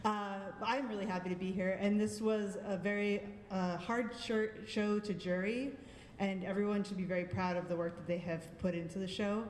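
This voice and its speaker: Speaking at a moderate pace with fairly even intonation, a woman with a medium-pitched, slightly mellow voice critiques art pieces live as a show juror. Her Boston accent comes through in friendly, thoughtful remarks dotted with ums. The hall is echoey with long reverb and slight background noise.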